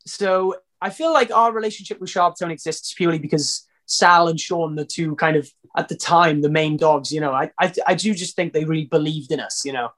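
A Welsh singer with a notably high-pitched voice chats in an interview. He rambles, restarts sentences and leans on fillers throughout. His talk stays loose and informal. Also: a little fast, hardly any pauses, a bit bright. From Wales. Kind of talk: casual interview chat.

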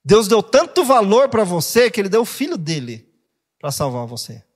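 A Brazilian man preaching a sermon as pastor, animated, acting out quoted voices with jokes along the way. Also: high-pitched, normal speed. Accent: Brazilian Portuguese. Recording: long hall reverb.

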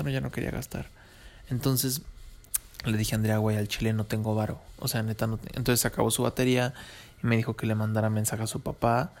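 A man's voice: on the low side, vocal fry, darkish tone. A young Mexican man with a Mexican Spanish accent, rambling through a slangy, casual story. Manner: slangy, rambling, laughs between lines.

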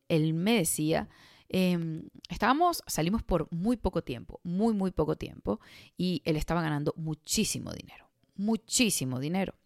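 A woman's voice: fairly low pitch, creaky, a little mellow, dry recording, studio quality. A woman hosting a solo podcast, chatting and telling personal stories with lots of fillers and restarts. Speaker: podcast host. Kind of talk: casual solo podcast talk.

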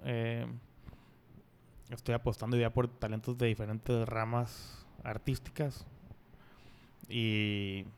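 A man's voice: medium pitch, flat delivery, takes it slowly, pauses often, slight background noise. A man in his thirties with a Mexican accent, a podcast guest talking in a laid-back, slangy, joking way. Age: 30s. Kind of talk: casual conversational interview.

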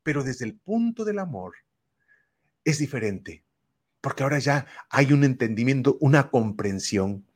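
A man's voice: medium pitch, measured pace. A man giving a faith-based motivational talk, speaking straight to the listener with many repetitions. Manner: animated, addresses listener directly, many repetitions.

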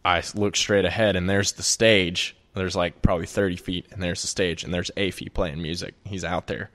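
A young man tells a story in a fairly low voice. He rambles along easily, packing his sentences with "like" and often breaking into laughter. He sounds like a podcast guest chatting informally. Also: fairly even intonation, moderate pace, fairly bright tone. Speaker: guest musician. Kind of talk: casual storytelling.

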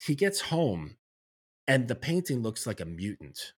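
Husky man musing on a podcast. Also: mid-range voice, big pitch swings, a little slow. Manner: reflective, often checks in with "right?". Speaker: guest, men's coach. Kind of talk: podcast conversation.

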